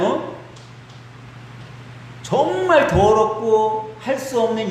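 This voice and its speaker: A man preaching a sermon in a church, full of rhetorical questions to the congregation. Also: high voice. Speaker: pastor. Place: church sanctuary. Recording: echoey church hall with faint noise.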